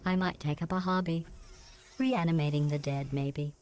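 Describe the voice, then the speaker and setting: An actress voicing a cold, sarcastic female AI in a game, calm and mock-polite with passive-aggressive barbs. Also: deep voice, normal speed, noisy background, lightly acted. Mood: coldly polite. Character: cold sarcastic female AI running test chambers.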